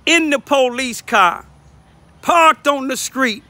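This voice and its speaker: Holding a phone at arm's length in his backyard, an older local citizen reporter records an informal selfie vlog, pressing his points by repeating them. His voice is extremely high, bright, and forceful, and he speaks slowly. The recording is dry.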